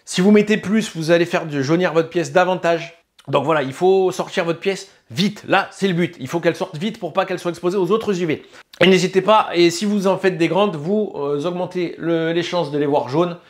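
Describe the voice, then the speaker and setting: A man's voice: high voice, normal speed. Chatty French man reviewing gear. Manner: hesitant, filler-heavy, self-correcting. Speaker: YouTube 3D printing reviewer. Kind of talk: casual product review talk.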